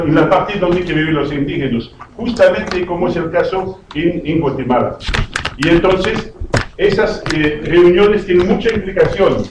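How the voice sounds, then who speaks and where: A man's voice: a little high, noisy background. A man speaking as a UN representative, giving a hesitant formal speech with many fillers and restarts. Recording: echoey hall, distant mic.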